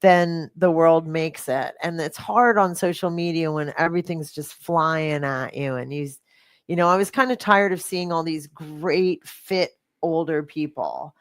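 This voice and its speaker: A middle-aged woman hosting a fitness podcast, talking in a rambling, animated way with lots of fillers and restarts. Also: low voice, measured pace, no echo. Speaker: fitness coach and podcast host. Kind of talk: casual podcast chat.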